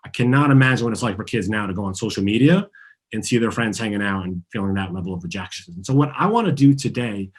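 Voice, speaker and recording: This man's husky, mid-range voice guides a group through a tapping session. Born in Argentina and raised in the US, he coaches earnestly and has listeners repeat what he says.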